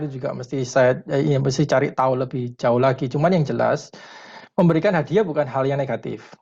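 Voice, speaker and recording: A man's voice: medium pitch, vocal fry, darkish tone, muffled recording. Man giving parenting advice over a video call. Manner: thoughtful, pauses with many fillers, mixes in English terms. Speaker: parenting educator answering questions. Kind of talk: webinar consultation answer.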